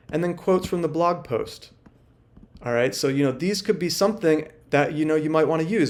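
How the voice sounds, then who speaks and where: A man teaching a screen-share workshop, casual and thinking aloud with many fillers. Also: fairly high pitch. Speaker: workshop instructor. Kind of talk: screen-share tutorial walkthrough.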